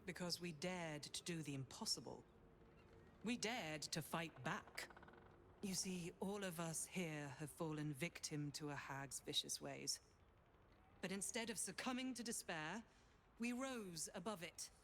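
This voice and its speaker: A woman's voice: lowish voice, measured pace, fairly bright tone, slight background noise. A woman playing a pious, protective cleric in a fantasy video game, with an earnest, declamatory heroic delivery. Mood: solemn, earnest. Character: valiant, pious female cleric, protective and fervent.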